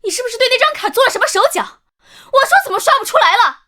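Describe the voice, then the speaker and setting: A very high, bright-voiced young daughter-in-law in a melodramatic short drama. She is shrill, entitled and scheming, with a vicious temper and swooping intonation. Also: sing-song, fast talker, a little hiss or hum, heavily acted. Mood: outraged, venomous. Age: young adult. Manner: shrill, accusatory, swings between tirades and coaxing.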